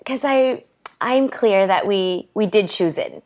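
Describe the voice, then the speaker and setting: Expressive and a little mellow, this young woman's mid-range voice moves at a slow pace during a casual interview where she's the guest. Talking with her hands into a lapel mic, she wanders through her points, full of "like" and "you know what I mean."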